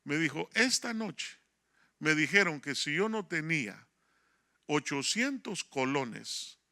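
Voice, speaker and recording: A man preaching a sermon as a pastor, telling a personal story, acting out dialogue and calling listeners "brother". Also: medium pitch. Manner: storytelling, animated, acts out dialogue, addresses listeners as hermano.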